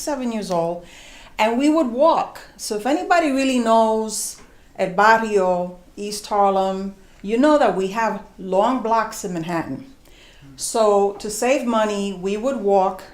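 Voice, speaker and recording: A woman from New York, USA, new to the stage, tells a story live at a storytelling concert venue with an audience. Her medium-pitched voice has a roomy sound, and she's animated and conversational, acting out voices and slowing down for emphasis.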